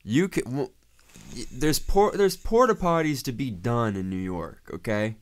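Profane, excitable podcast co-host man. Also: mid-range voice, measured pace. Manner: loose, profane, excitable riffing. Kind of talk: casual chat.

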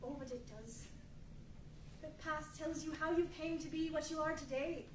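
Woman as high, gentle Spirit of Christmas Past. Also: slight background noise, lightly acted. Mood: gently urging. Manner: measured, solemn, earnest. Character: gentle, earnest young female spirit of the past. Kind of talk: 1940s musical radio play acting. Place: large indoor meeting room, live stage reading. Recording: echoey room, distant mic.

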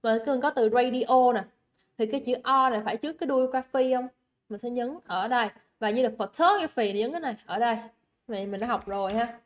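A young woman with a Vietnamese accent teaches an English exam class over a livestream. Her voice sits a little high, and she talks in a chatty, coaxing way. She repeats words for emphasis and keeps checking that her students are following. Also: quick pace. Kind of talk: livestream exam review lesson.

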